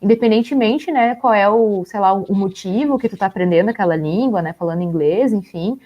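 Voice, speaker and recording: This young woman co-hosts a live stream, showing photos and chatting in a light, laughing way with plenty of fillers. Her mid-range voice moves briskly, and the highs in the audio are cut off.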